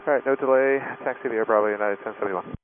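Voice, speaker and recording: Man, pilot over the radio, quick. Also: medium pitch, fairly even intonation. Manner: brisk, terse, routine phrasing. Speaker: airline pilot. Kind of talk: clipped air traffic radio calls. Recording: tinny cockpit radio with static.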